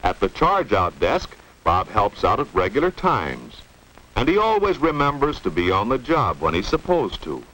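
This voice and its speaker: A man's voice: mid-range voice, very animated, normal speed, fairly bright tone. An American man narrating a 1950s instructional film in an explanatory way, posing rhetorical questions. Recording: noisy vintage 1950s film soundtrack.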